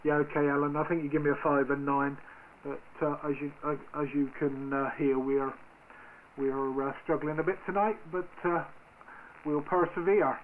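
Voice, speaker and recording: A man with a slightly high voice runs an amateur radio net. He talks in informal, hesitant call procedure over a shortwave link with light background static. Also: flat delivery, normal speed, phone-quality sound.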